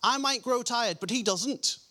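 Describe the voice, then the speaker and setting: A man preaching a sermon, reading scripture passages in a lower, softer voice and slowing down to stress key lines.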